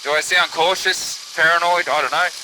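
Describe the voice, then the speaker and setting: Higher-voiced man, pilot commentary over engine noise. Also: normal speed. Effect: pilot's headset or radio sound. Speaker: microlight pilot filming own flight. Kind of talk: casual running cockpit commentary. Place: open microlight aircraft in flight. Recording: steady aircraft engine and wind hiss.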